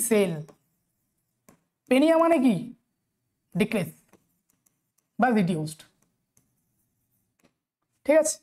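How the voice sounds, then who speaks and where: A young woman with a Bengali accent giving a nursing exam-prep lecture. She reads questions out slowly and then explains the answers quickly, checking in with her listeners again and again. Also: a little high, a little mellow.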